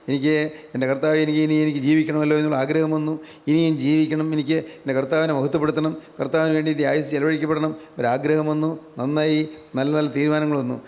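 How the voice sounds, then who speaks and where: An older man preaching a gospel sermon, repeating his phrases in a steady, emphatic cadence. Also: a little high. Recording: long hall reverb.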